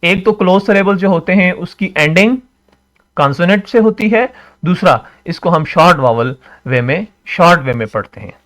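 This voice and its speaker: A man teaching English pronunciation, repeating example words slowly and asking and answering his own questions. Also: sits high, animated, a bit bright. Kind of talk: classroom explanation.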